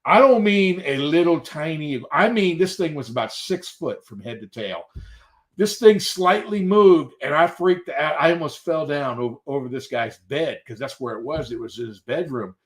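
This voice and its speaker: A man's voice: a little high, moderate pace. Rambling man telling work stories. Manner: rambling, animated anecdotes with hesitations. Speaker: tile and grout cleaner, owner-operator. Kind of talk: casual live-stream storytelling.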